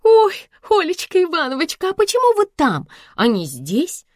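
Brief: woman doing a shrill, chatty housekeeper, flustered and loud, dry audiobook. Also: lively intonation, moderate pace, dry recording, close to an everyday voice. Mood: fussing. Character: flustered, chatty female housekeeper, middle-aged. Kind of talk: audiobook character voice.

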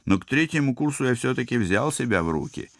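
Dude doing a snarky young pilot, grumbly, gravelly voice, dry sound. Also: male voice, medium pitch, lively intonation, quick pace, dry recording, voice pushed up, close to an everyday voice. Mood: sardonic. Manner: sarcastic, grumbling. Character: sardonic young male starship pilot.

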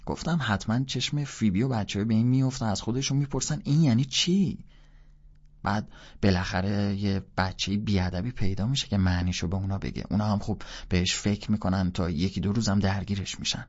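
A man narrating a first-person audiobook in a casual, colloquial storytelling manner, with a gravelly, husky voice. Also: fairly low pitch, highs cut off.

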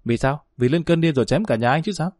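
A man voicing a shrill, spiteful older aunt. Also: lively intonation, a little mellow, no room sound, clean studio sound. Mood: scolding, furious. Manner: harsh, berating, rapid tirades. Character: shrill, sharp-tongued scolding older aunt.

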